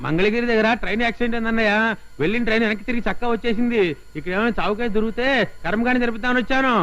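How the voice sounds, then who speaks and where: A man's voice: extremely high pitch, rapid-fire, fairly bright tone. An actor playing the priest's younger brother, who rattles off his news. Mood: hurried. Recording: dull film audio.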